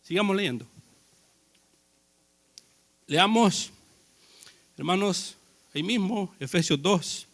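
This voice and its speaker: A man's voice: sits high, takes it slowly, pauses often, a bit bright. A man preaching a sermon in a conversational way, telling personal stories and asking the congregation questions.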